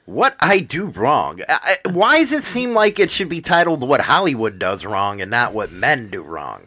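Lively, bright-voiced teasing man. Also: medium pitch, normal speed. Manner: animated, teasing, profane. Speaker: podcast host. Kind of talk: casual podcast banter.

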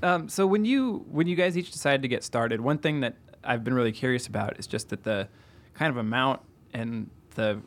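A man hosting a show, narrating a scripted introduction and then interviewing guests. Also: mid-range voice. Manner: measured, deliberate intro delivery. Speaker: podcast host. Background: faint music.

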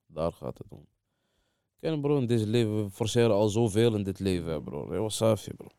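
Deep smooth moroccan dutch guy chatting in street slang, says bro and wallah a lot, dry close sound. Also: expressive, moderate pace, mellow, no echo. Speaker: interviewed music artist. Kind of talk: casual chat.

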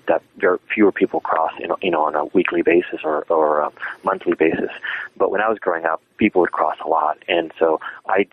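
Low-voiced author guy on a radio interview, lots of ums and restarts, thoughtful. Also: fairly bright tone, rough recording. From South Texas border region, born in Mexico. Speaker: author and historian guest. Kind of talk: interview answers. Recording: radio broadcast.

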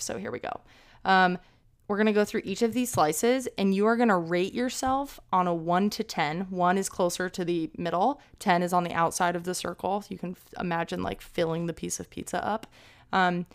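A woman's voice: medium pitch, gravelly. A young woman in her twenties hosting a casual solo podcast, chatty and rambling with self-deprecating asides, a little out of breath. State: slightly out of breath. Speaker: podcast host.

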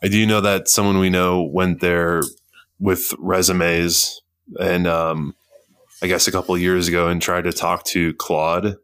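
Very deep-voiced relaxed man. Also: measured pace, clean tone. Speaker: podcast co-host. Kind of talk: casual chat.

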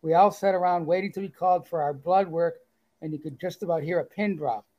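A Boston-accented author, appearing as a guest, reads his own story aloud and chats in an interview with good humor, self-deprecating and using fillers. His voice is fairly high and a little fast. The recording sounds muffled.

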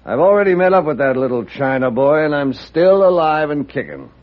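Actor as blunt, gruff Western railroad boss. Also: male voice, a little high, animated, fairly quick, lightly acted. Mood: scornful. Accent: American. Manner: folksy, blunt, dismissive. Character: gruff, scornful male railroad boss of the Old West. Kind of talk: old radio western acting. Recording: dull old radio recording.

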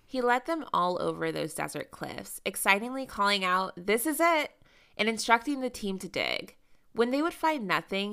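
A woman's voice: on the low side, gravelly, bright, forceful tone, clear, resonant tone. A woman co-hosting a true crime podcast, reading the case story aloud with blunt, salty asides. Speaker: podcast co-host.

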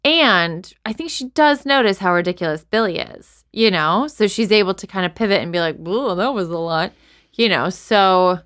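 A woman's voice: medium pitch, lively intonation, normal speed, few pauses, a bit bright, smooth. A woman co-hosting a podcast in a blunt, casual way, swearing freely. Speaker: podcast co-host. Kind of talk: casual chat.

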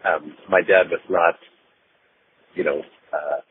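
A man's voice: low voice, steady tone, slow pace. A man leaving a hesitant voicemail over the phone, full of ums and uhs. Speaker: caller. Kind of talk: recorded voicemail story. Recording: tinny phone line with faint noise.

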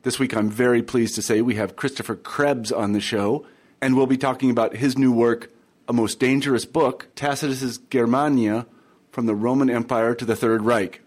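A male podcast host reads a scripted introduction to a history book podcast, then moves into an interview with a guest, with some fillers and restarts. His voice is mid-range and darkish, with fairly even intonation and a moderate pace.

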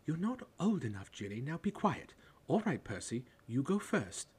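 A man voicing a kindly, bustling middle-aged mother of a big family, fussing and warm in her manner, heard over a steady hum. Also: fairly high pitch, normal speed, slightly rough, pitched above the performer's own voice, exaggerated voice.

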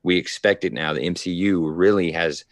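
A man's voice: deep voice, normal speed, no echo. A man guesting on a casual podcast, talking emphatically and enthusiastically in agreement.

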